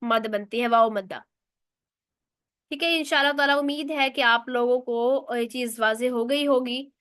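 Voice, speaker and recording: A woman's voice: fairly high pitch, moderate pace, fairly bright tone, dry recording, clean studio sound. A woman teaching a recitation lesson online in speech, explaining step by step and answering her own questions.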